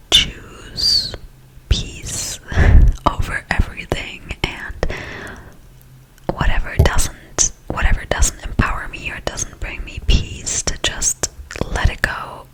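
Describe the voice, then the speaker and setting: An ASMR creator rambling casually in a soft, breathy whisper, very close to a sensitive ear-to-ear microphone. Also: low-quality recording. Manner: slow, soft, hesitant rambling delivery. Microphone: close, highly sensitive ear-to-ear stereo microphone.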